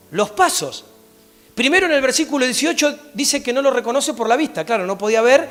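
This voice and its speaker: A man with an Argentine accent preaching a sermon and reading Bible verses aloud, often checking in with a quick "¿sí?". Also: extremely high pitch. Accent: Argentine Spanish. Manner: animated, often checks in with a rising "¿sí?". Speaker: pastor. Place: church.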